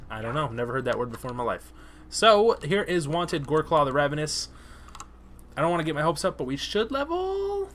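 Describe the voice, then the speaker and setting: A man's voice: mid-range voice, fairly bright tone, slight background noise. A young man casually commenting on his gameplay, chatty and joking, swearing freely. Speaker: gaming host.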